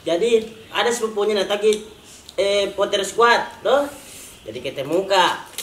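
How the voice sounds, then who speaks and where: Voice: medium pitch, lively intonation, unhurried, fairly bright tone. A person chatting casually in the middle of a meal. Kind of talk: casual chat while eating, mukbang. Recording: roomy echo, faint noise and clicks.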